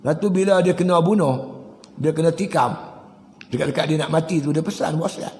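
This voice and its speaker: An older man, a religious teacher giving a sermon, telling stories with dramatic swings between loud high bursts and low, quiet lines. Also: brisk. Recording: echoey hall with long reverb.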